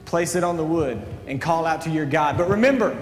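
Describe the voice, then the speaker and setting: A man's voice: a little high, animated, a little fast, close to an everyday voice. A man playing a bold, defiant prophet in a children's Bible stage play, declaiming with emphasis. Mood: solemn, challenging. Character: Elijah, bold defiant male prophet who mocks his rivals. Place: auditorium stage. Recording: echoey auditorium, voice at a distance, faint noise.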